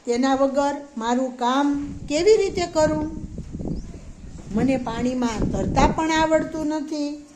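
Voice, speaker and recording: A woman's voice: high voice, slow, background noise. A woman teacher voicing a poor, honest male woodcutter in a children's storybook tale, speaking earnestly. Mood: distressed.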